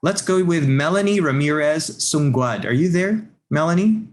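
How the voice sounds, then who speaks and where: A man's voice: a little high, lively intonation, moderate pace. A man hosting an online panel, courteously greeting and introducing participants. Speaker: panel host. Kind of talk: webinar moderating.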